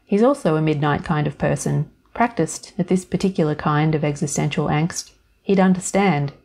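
A woman storyteller reading scripted narration in a calm, measured and gently wry manner. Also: sits low.

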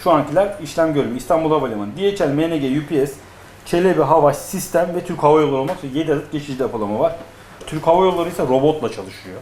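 A man's voice: on the high side, rapid-fire, darkish tone. A man explaining customs procedures in casual talk, telling stories with acted-out dialogue. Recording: echoey room with faint noise.

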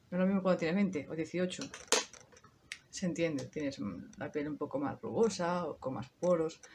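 A woman's voice: on the low side, mellow, a little hiss or hum. A woman in her thirties with a Spain Spanish accent, chatting casually to her viewers through a makeup tutorial, swearing now and then. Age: 30s. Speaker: beauty vlogger.

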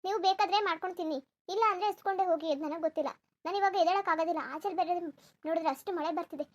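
A woman voicing a lazy, sleepy young wife in a cartoon, complaining and stubbornly refusing to get up. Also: extremely high pitch. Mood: whiny. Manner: complaining, stubborn, rapid-fire. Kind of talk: cartoon voice acting.

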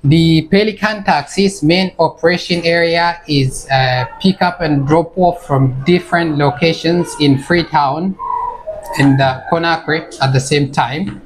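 A young man from Ethiopia answers questions in a small office. He speaks politely but falters, filling his pauses. A faint background noise sits under his voice. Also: on the high side, steady tone. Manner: polite, hesitant with many fillers. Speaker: taxi service manager. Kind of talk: interview answers.

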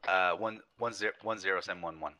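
A man's voice: low voice, fast talker, pushed and bright, slight background noise. A man acting as platoon leader in a military game, speaking in formal radio procedure.

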